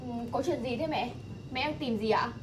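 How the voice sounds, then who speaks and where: An actress playing a young daughter-in-law who firmly defends herself. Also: female voice, on the high side, a little fast, noisy background, close to an everyday voice. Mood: indignant. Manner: polite then firmly indignant. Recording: distant voice under loud music.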